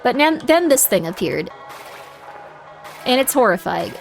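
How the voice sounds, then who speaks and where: A fairly high-pitched woman with vocal fry sounds very animated yet unhurried as she livestreams a game, chatting playfully and reacting aloud. Game music plays prominently in the background.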